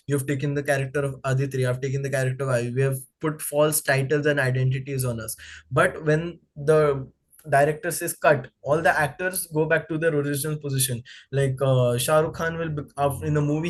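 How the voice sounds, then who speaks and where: A young man teaching a scripture class, explaining ideas with everyday examples and frequent fillers. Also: on the high side. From Nepal.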